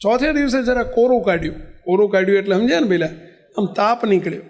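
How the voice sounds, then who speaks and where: High-voiced, gravelly male preacher. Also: quick pace. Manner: animated storyteller, often checks in with listeners. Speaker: religious preacher. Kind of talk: storytelling sermon.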